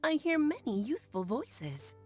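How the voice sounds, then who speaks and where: A woman's voice: fairly high pitch, sing-song, moderate pace. A woman voicing a witch in a video game, coyly putting on the grand airs of an old hag. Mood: haughty, mock-offended.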